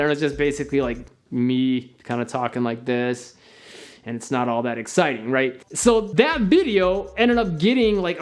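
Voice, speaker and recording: A young man hosting a casual video on growing a channel, talking straight to camera and swinging between upbeat and deliberately flat delivery. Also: high voice. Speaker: YouTube marketing host. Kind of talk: casual to-camera advice talk.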